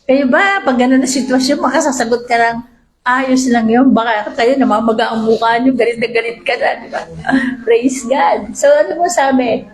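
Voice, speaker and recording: A woman preacher giving a lively sermon, reading Bible verses and often asking the congregation "di ba?". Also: a little high, moderate pace. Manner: asks the congregation "di ba?" often, animated. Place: church hall. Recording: echoey church hall.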